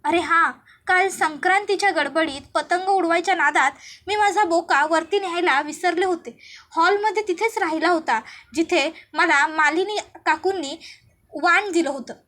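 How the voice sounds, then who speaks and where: A woman's voice: very high voice, normal speed, sharp tone. A woman voicing an emotional young wife, tearful and pleading. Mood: anxious, searching.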